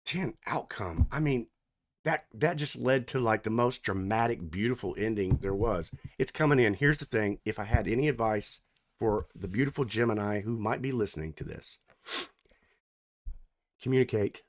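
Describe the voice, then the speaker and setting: Guy doing a tarot reading on camera, chatty and goofy, kinda low voice, gets loud then quiet. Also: moderate pace. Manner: chatty, playful, rambling, swings between loud and soft. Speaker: tarot reader.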